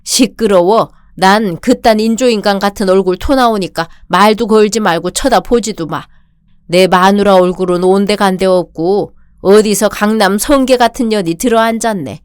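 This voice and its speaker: A woman's voice: mid-range voice, normal speed, smooth, no room sound, studio quality, close to an everyday voice. Woman reading as a bullying old father-in-law. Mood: contemptuous. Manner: barking insults and orders. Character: domineering older male father-in-law, bullying and contemptuous. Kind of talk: radio drama reading.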